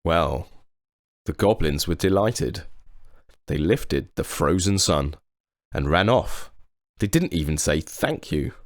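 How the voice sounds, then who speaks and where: A man reading a children's picture book aloud as an unhurried storyteller. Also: a bass voice, no echo, clean studio sound. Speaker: storybook reader.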